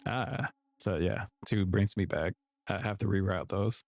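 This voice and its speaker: A man in a low voice chats to himself while putting together music samples, rambling, self-correcting, and giving small chuckles; he's a producer streaming his work. He speaks a little slowly, and there's no echo.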